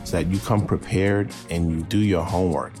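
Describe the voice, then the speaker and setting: A man's voice: low voice, steady tone, normal speed, music in the background. A male vocal coach giving direct, encouraging advice to a singer.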